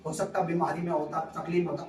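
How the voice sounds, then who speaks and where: A man's voice: fairly high pitch, little pitch movement, fast talker, a little mellow. A male pastor preaching a sermon at a prayer meeting, emphatic and calling for answers from the congregation. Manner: emphatic, calls for responses from the congregation. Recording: echoey room, voice from far off.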